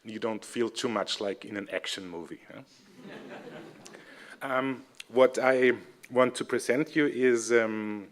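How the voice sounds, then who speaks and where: A young adult civic educator and seminar speaker presents at a conference, his Austrian accent clear and his manner friendly, hesitant and filler-heavy. He speaks slowly at a medium pitch.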